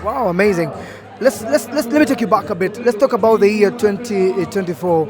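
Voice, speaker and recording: A man's voice: high-pitched, a little fast, over music. A man hosting a live radio interview at an outdoor event, a hype presenter full of enthusiastic interjections. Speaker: radio host. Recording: crowd noise behind the voice.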